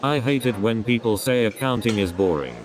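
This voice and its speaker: A man doing a stand-up comedy routine, delivering deadpan one-liners one after another. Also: fairly low pitch, brisk, noisy background. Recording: crowd laughter in background. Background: audience laughter.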